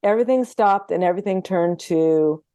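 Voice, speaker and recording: A woman's voice: fairly low pitch, normal speed, dark tone, clear, resonant tone, dry recording, studio quality. A woman homeopath talking as a guest in an interview, chatty and earnest, acting out bits of conversations as she tells stories. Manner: chatty, earnest, re-enacts dialogue.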